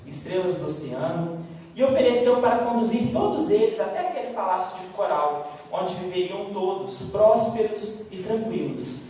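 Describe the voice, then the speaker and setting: Male lecturer, expressive storyteller, slightly high voice, echoey far-off hall recording. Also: a little hiss or hum. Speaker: spiritist lecturer.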